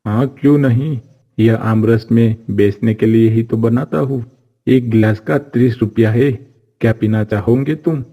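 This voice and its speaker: An actor playing a greedy, short-tempered village juice seller who scolds harshly, in a cartoon story. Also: male voice, mid-range voice, measured pace, dark tone. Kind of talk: Hindi cartoon voice acting.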